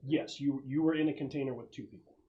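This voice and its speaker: A man runs a tabletop roleplaying game as game master, narrating in a conversational, halting style. His medium-pitched voice has fairly even intonation, and the sound is lo-fi.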